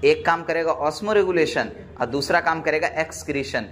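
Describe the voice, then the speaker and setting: High-voiced male biology teacher. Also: measured pace, a bit bright. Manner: quizzing students with repeated questions; calls students "beta" affectionately. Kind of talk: classroom lecture.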